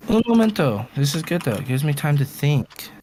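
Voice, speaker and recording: A man's voice: on the high side, a little fast, background noise. A man running a tabletop game as dungeon master over a voice call, casual and swearing. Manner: casual and swearing, laughing often. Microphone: computer mic on a voice call. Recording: music playing clearly behind. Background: guitar music.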